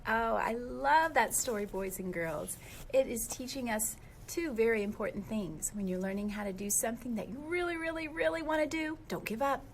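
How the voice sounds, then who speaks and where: A woman reads a storybook aloud to young children, expressive and speaking to them directly. Her voice is a little high and her speed normal, with a little hiss or hum in the recording.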